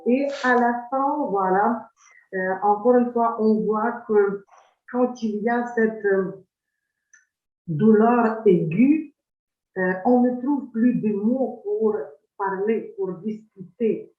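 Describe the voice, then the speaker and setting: Woman, slow and halting, roomy dull recording. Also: mid-range voice. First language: Ukrainian. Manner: hesitant, many pauses and fillers. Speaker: seminar speaker. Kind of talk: academic explanation of a poem.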